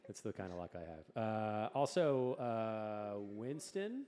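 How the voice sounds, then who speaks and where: A man hosting a casual livestream interview, joking with the guest and giving shout-outs to the chat. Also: on the low side, big pitch swings, slow. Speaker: podcast host.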